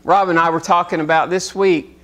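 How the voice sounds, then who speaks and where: High-voiced preaching pastor in his forties. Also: steady tone, brisk. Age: 40s. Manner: preaching, rising loud and high then settling into quiet reflection. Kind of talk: sermon.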